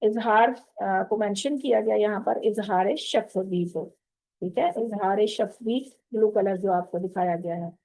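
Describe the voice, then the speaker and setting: Slow, mellow-voiced woman teaching tajweed. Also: medium pitch, poor audio. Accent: Pakistani Urdu. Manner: patient, explanatory, repeats rules and asks students. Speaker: Quran recitation teacher. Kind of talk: online tajweed lesson to women students.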